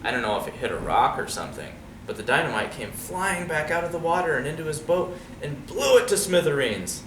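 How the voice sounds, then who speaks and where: A storyteller reads a picture book to children at a fairly quick pace, his pitch very lively and swinging, with casual asides and questions to check in on his young listeners. He sounds far from the mic in an echoey room, with clear background noise around him.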